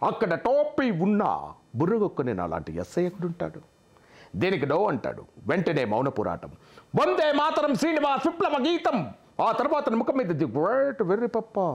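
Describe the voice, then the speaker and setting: A man doing a jumpy, high comic storyteller.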